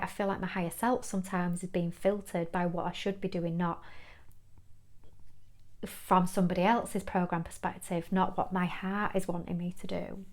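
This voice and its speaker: A woman gives an earnest, reflective spiritual talk. She speaks as a kinesiology teacher and guide, warm in intent, with the odd soft laugh. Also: lowish voice.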